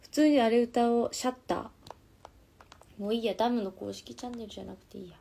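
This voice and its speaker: A woman's voice: fairly high pitch, fairly even intonation, quick pace, vocal fry, dark tone. A young woman in her apartment, chatting casually on a live stream between karaoke songs, reading viewer comments aloud and keeping her voice down for the neighbours. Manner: keeps her voice down so the neighbours do not complain. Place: her apartment, corner room.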